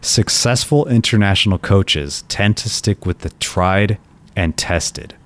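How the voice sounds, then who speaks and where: A man's voice: deep voice, a little slow. A man from Colombia giving solo soccer commentary, thoughtful and prone to restarting his sentences. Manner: thoughtful, frequent restarts and repeated words. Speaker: soccer writer and podcast host.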